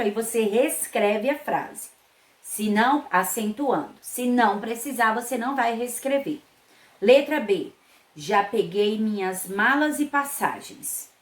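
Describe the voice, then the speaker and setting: A woman's voice: fairly high pitch, echoey room. A woman teacher with a Brazilian Portuguese accent, patiently reading a school lesson to children and stressing syllables.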